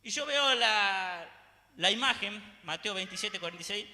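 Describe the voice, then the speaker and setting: A man preaches a sermon in a very high, piercingly bright voice. He speaks with fervor, stacking up rhetorical questions one after another. His voice rings through a roomy hall with a long reverb. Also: expressive, moderate pace. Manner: impassioned, piling up rhetorical questions.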